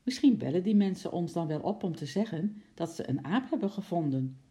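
A reader voicing a calm, cheerful male veterinarian father in a storybook reading. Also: medium pitch, fairly quick, lightly acted. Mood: reassuring. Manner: calm, reassuring.

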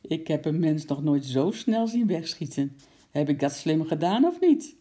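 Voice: medium pitch, very animated, measured pace, warm tone. A storyteller voicing a clever, mischievous young chimpanzee who boasts proudly. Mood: triumphant.

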